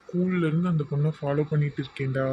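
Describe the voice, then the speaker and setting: Brief: woman playing a rough-talking cartoon college boy, low voice, dull lo-fi sound. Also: steady tone, quick pace, slight background noise, lightly acted. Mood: possessive. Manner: rough, bossy slang. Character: young male college student, brash.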